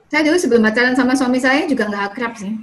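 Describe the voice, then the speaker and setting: Chatty high-voiced woman giving advice. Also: racing. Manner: chatty, often ends points with "kayak gitu" and "gitu ya"; asks the listeners questions and then answers them. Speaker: speaker at a church fellowship. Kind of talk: casual advice talk on dating and marriage.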